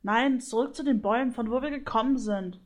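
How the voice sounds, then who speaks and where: Woman voicing a high, snippy goose lady arguing back, storybook. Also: a little fast, darkish tone, close to an everyday voice. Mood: squabbling. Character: squabbling goose lady, Abigail.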